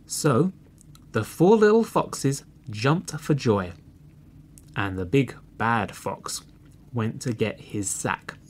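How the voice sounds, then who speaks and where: A man reading a children's fairy tale aloud, slow and expressive. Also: medium pitch. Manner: slow and expressive, clearly read for learners. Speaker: storyteller. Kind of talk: storybook reading.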